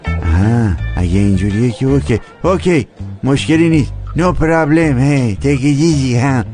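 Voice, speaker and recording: A man's voice: mid-range voice, lively intonation, warm tone, soft background music, lightly acted. A man playing a pushy, lovestruck braggart. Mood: pleading. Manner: pleading, teasing, theatrical. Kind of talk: dubbed TV drama acting.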